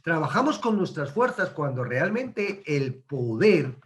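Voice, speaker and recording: A man's voice: on the high side, very animated, unhurried. A man teaching a casual Bible study, conversational, asking questions and acting out quotes.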